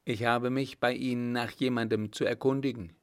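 A man's voice: medium pitch, little pitch movement, moderate pace, no room sound, clean studio sound, lightly acted. A man voicing a polite, secretive messenger in a storybook reading. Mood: guarded. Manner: polite, guarded.

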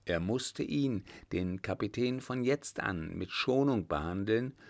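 A man reading a historical novel aloud in measured scripted narration. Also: lowish voice, expressive, vocal fry. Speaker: audiobook reader.

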